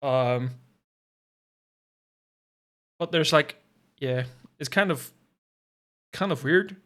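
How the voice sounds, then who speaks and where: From his home setup, a male esports co-streaming caster gives casual live commentary on a match, thinking aloud and tossing in self-deprecating asides. His voice is a little high and a bit bright, and he talks very slowly.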